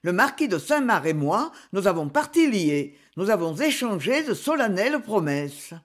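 A woman's voice: mid-range voice, big pitch swings, moderate pace. A woman voicing a proud, harsh middle-aged duke who speaks with a growl. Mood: stern. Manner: growling and forceful.

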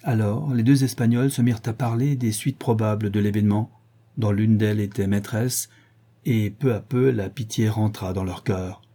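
Man, audiobook narrator, literary reading, very dark voice, husky. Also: lowish voice, steady tone, moderate pace.

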